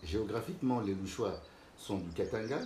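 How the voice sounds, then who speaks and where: An older man from Congo answering interview questions in a measured, explanatory way. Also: on the low side, warm tone. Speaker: guest. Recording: echoey room with faint noise.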